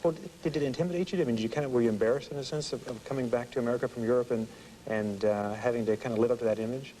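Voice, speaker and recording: Fast-talking man asking interview questions. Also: medium pitch, mellow, slight background noise, poor audio. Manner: halting, rephrases questions as he goes.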